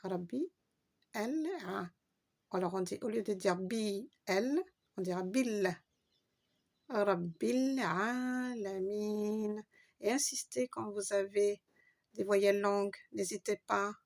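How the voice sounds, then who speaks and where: An unhurried woman with vocal fry and a darkish, mid-range voice gives a step-by-step Arabic reading lesson. She's patient, spelling out each letter and lengthening long vowels as a teacher would.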